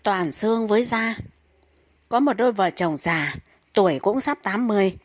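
A woman reading short comic stories aloud in a steady, even narrating voice. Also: mid-range voice, normal speed, slight background noise. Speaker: storyteller.

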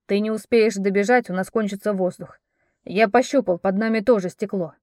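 A woman voicing a calm, commanding young prince. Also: medium pitch, fairly quick, no room sound, studio quality, lightly acted. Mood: firm calm. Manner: firm, calming, instructing. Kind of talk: audiobook character voicing.

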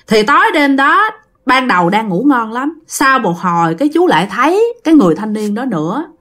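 A Southern Vietnamese woman tells a ghost story in a chatty, direct way, turning to her listeners often. Her voice sits fairly high and moves with a lively, animated pitch. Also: brisk.

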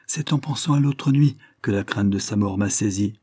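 An old, devoted male steward frets and pleads in this audiobook scene, voiced by a male narrator. The voice is low and mellow with a husky grain. The recording is dry and close. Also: moderate pace, no echo. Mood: fretful. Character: old loyal male estate steward, anxious.

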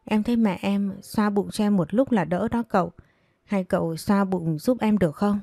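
A woman's voice: mid-range voice, normal speed, vocal fry, dark tone, no echo. Sly, whining servant girl, read by a woman storyteller; dry, close sound. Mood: pleading. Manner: whining, pleading.

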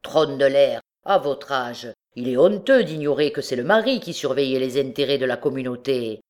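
A woman's voice: very deep voice, expressive, moderate pace, darkish tone. A woman voicing a male ex-convict bandit who threatens with mocking, overly polite menace, in an audiobook reading. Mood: menacing, mocking.

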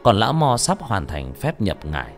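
A man narrating a fantasy story in an expressive, dramatic way. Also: fairly low pitch, moderate pace. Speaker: audiobook narrator. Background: faint music.

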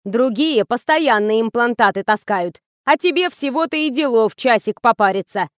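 A woman's voice: fairly high pitch, lively intonation, moderate pace, no echo, studio quality, lightly acted. A woman voicing a blunt, practical female assistant who coaxes and threatens the model. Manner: blunt, persuading.

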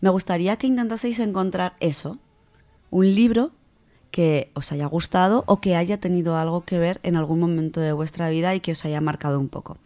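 A woman from Spain with a Spanish accent chats casually as a contributor to a radio book segment. Her voice is lowish, steady, and mellow, at a normal speed.

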